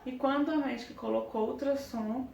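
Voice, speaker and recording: A woman's voice: high-pitched, steady tone, a little fast, vocal fry, a little mellow, far from the mic, lo-fi sound, slight background noise. Woman with a Brazilian accent, echoey room. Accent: Brazilian Portuguese. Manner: earnest, talks in short broken phrases. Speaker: parenting vlogger. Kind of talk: casual personal storytelling.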